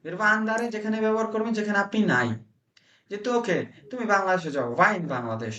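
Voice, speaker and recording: Brief: male Italian tutor, slow patient drills with repeats. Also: sits high, lively intonation, sharp tone. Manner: explains slowly, drills phrases with repeats. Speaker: Italian language teacher. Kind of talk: online group language lesson.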